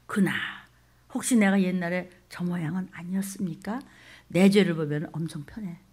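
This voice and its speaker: A woman pastor preaching a fervent sermon, shifting between shouted exhortations and hushed near-whispers. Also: lowish voice, steady tone, normal speed, husky. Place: church.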